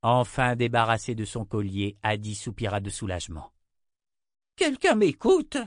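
Measured male audiobook narrator. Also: lowish voice, no echo, studio quality. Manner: even, measured storytelling. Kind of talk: scripted narration.

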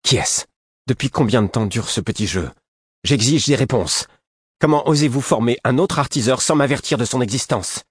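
A man's voice: deep voice, lively intonation, fairly quick, husky, no echo, clean studio sound. A man voicing a furious, imperious young prince who commands sharply.

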